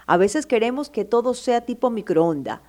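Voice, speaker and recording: This woman offers motivational advice, her fairly high voice animated and warm at a normal speed. Calling the listener "my love," she speaks with affection and emphatic feeling, acting out the listener's inner doubts.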